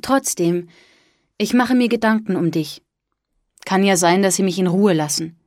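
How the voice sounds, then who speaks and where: An earnest, devoted young man, as a woman reader voices him in an audiobook, speaking softly but with a slightly raised, sincere tone. The recording is close and dry, with no room sound. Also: mid-range voice, moderate pace, no room sound, close to an everyday voice. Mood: pleading. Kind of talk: audiobook dialogue.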